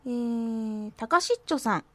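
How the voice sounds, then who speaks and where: A woman's voice: a little high, measured pace, a little hiss or hum. A woman hosting a radio show, chatting casually and reading listener posts in a playful, self-mocking way with a slight lilt. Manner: playful, self-mocking, puts on silly voices.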